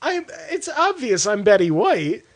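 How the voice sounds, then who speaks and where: A man's voice: high voice, sing-song, a little slow, dry recording. A man co-hosting a podcast in casual chat, talking with many fillers and laughing often. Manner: lots of fillers, laughs often, does voices. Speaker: podcast co-host.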